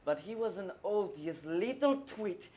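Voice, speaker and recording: A woman playing a disdainful young man in a Victorian stage mystery, speaking in a measured, arch way from a distant stage. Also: medium pitch, lively intonation, mellow, natural voice. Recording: distant live stage, faint noise.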